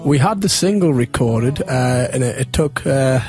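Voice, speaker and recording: A man's voice: mid-range voice, expressive, normal speed, a little mellow, soft background music. A man in a band, chatting casually and matter-of-factly in a radio interview. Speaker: band member being interviewed.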